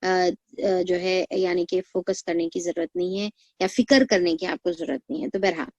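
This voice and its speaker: A woman teaching recitation to beginners, patiently repeating words slowly for learners to copy. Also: fairly low pitch, steady tone, creaky, no room sound, muffled recording. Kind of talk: recitation lesson.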